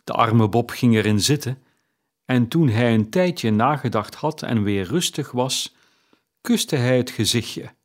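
A man narrating a classic story in a measured, storytelling manner. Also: medium pitch, expressive. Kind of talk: audiobook reading of a classic story.

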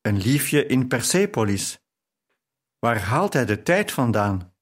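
A man's voice: medium pitch, very animated, slow pace. A man voicing a cheeky, teasing young woman servant in an audiobook.

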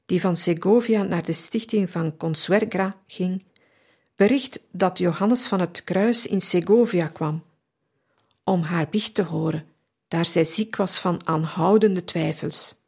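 A woman reads a devotional biography aloud for radio in a calm, measured, reverent way. Her voice is husky and a little gravelly, and she sits slightly low in pitch. She takes her time over every phrase. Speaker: radio reader of a saint's biography. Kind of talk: slow devotional reading aloud.

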